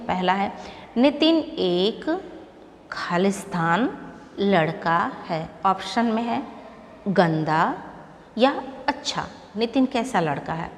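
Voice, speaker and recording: A woman teacher giving a slow, patient classroom explanation. She asks questions and then answers them herself. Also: on the low side, long reverb tail, slight background noise.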